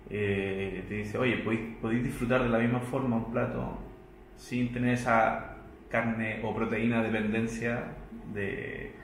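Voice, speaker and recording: A man in his thirties, a chef from Chile who grew up in Mexico and speaks with a Mexican Spanish accent, answering interview questions thoughtfully, with hesitations and soft laughs. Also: medium pitch, steady tone, measured pace, slight background noise. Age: 30s. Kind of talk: relaxed sit-down interview. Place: indoor restaurant with wooden shelves. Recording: echoey room with faint ambience.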